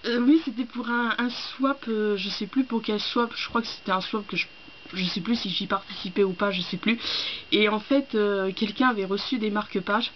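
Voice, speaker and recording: A young woman from France chatting casually as she unboxes gifts, gushing and excitable, with many hesitations and fillers. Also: mid-range voice. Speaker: book vlogger. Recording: dull lo-fi home recording with faint hiss.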